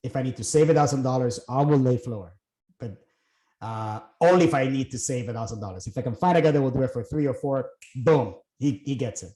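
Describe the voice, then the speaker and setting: A middle-aged Puerto Rican man, a real estate investor appearing as a guest, chats casually about his work in an interview. His mid-range voice is fairly quick and dark-toned, with reverb, and he thinks aloud with fillers and restarts.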